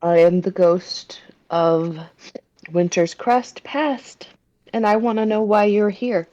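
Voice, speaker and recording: A woman voicing the ghost of a holiday past in a tabletop game, asking steady, probing questions. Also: medium pitch, slow, muffled recording, lightly acted.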